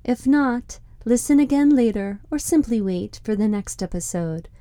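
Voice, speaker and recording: A woman speaks as a reflective guide, with a fairly high but relaxed, warm-toned voice. Her delivery is scripted, deliberate and contemplative. The sound is very dry, with no room around the voice. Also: dry recording. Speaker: podcast host and meditation guide.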